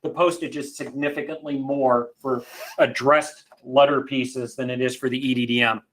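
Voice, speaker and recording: A middle-aged man presenting a live webinar, explaining details in a loose, conversational way. He leans on ums and restarts as he goes. His voice sounds bright and forward. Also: medium pitch, fairly even intonation, normal speed. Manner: conversational, explanatory, many fillers.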